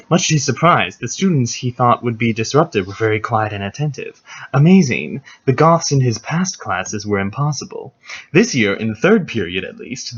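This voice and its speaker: A man's voice: medium pitch, slightly rough. A man narrating a mock dramatic reading with sarcastic, theatrical commentary. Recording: dull lo-fi recording.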